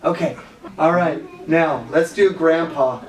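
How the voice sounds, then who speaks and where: A man's voice: fairly high pitch, unhurried, slight background noise. A man teaching a children's Bible class, encouraging the kids and prompting them with questions. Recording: echoey room, mic far off.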